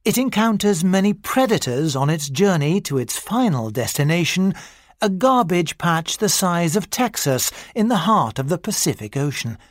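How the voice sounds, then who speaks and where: Dry close-mic narrator doing a spoof wildlife doc voice, measured and deadpan serious, middle pitch. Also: no room sound. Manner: mock-serious, measured documentary delivery. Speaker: narrator of a listening exercise. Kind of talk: mock nature documentary narration.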